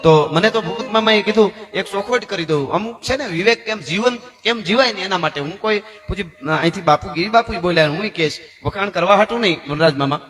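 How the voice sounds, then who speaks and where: This is a man telling stories live on stage at a dayro, a religious gathering, in a chatty, earnest way full of asides. His voice sits high and moves briskly with a fairly bright tone. Faint music plays under the live hall echo.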